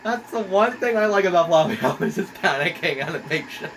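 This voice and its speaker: Excitable young man commenting on a game. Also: sits high, brisk, far from the mic, background noise. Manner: excitable, laughs often. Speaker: let's play host. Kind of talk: casual gameplay commentary.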